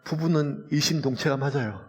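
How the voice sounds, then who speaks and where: A man's voice: fairly high pitch, brisk, breathy edge. A man, preaching a sermon as pastor. He talks in an earnest, conversational way and mixes in personal stories. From South Korea. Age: late 40s. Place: church sanctuary. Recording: reverberant church hall.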